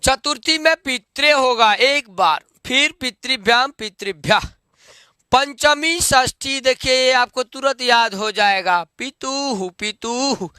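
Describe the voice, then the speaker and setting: A man's voice: extremely high pitch, sharp tone, clear, resonant tone, dry recording, clean studio sound. A man teaching Sanskrit grammar, reciting noun forms one by one and checking that students follow. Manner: slow, drilled recitation of forms with checks for understanding.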